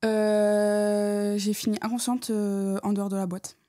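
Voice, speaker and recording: A woman's voice: mid-range voice, little pitch movement, unhurried, warm tone. A woman co-hosting a challenge video, talking in casual, playful banter and teasing her partner.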